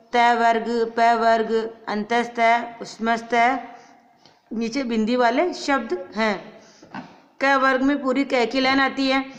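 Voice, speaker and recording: A woman teacher giving a recorded grammar lesson to young children, going slowly, repeating each point and asking questions that she answers herself. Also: on the high side. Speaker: primary school teacher.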